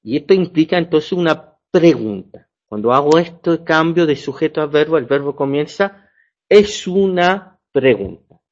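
A man's voice: a little high, animated, unhurried. Man teaching in a lo-fi recording. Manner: explanatory, checks understanding with "ya". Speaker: French teacher. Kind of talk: classroom lecture. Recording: dull lo-fi sound.

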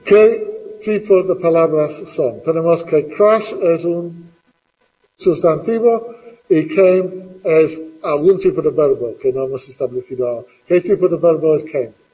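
A middle-aged man with a fairly high voice teaches a classroom lesson at a slightly slow pace, patiently asking questions and repeating his students' answers. The recording is muffled and sounds like a large hall.

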